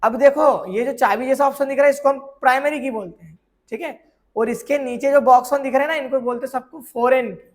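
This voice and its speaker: A man teaching a software course, explaining with everyday examples and often asking whether students have understood. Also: very high voice, a little fast. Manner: keeps checking if students follow; asks rhetorical questions and answers them. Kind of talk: screen tutorial lesson.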